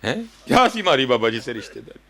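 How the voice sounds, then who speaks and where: A man in his thirties with a Punjabi accent, preaching a sermon with fervent rhetorical questions, sudden leaps in pitch and frequent address to his listeners. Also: big pitch swings, a bit bright. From Pakistan. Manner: keeps addressing listeners as "hazrat ji". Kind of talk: Urdu sermon.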